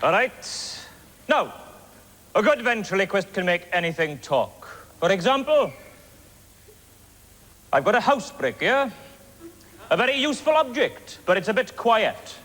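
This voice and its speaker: A Welsh man doing a deliberately inept ventriloquist comedy act, with mock-earnest patter. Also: high-pitched, sing-song, a bit bright. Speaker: comic ventriloquist. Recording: echoey hall with background noise.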